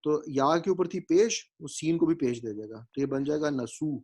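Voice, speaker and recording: A man teaching a grammar lesson, patient and explanatory, slowly spelling out vowel marks and often checking that his students follow, with English words mixed in. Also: fairly high pitch, a little mellow, husky. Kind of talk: grammar lecture.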